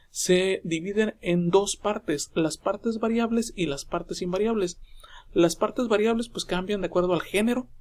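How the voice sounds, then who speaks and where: Patient high-voiced male teacher. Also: a little mellow. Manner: patient, repetitive, many "eh" fillers. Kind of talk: recorded class explanation.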